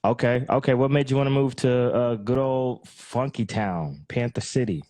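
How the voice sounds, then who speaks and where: Warm and mid-range, the host's voice comes at a normal speed with no room sound. He's interviewing a guest on his podcast in an easygoing, slangy way, habitually finishing lines with "man" or "bro."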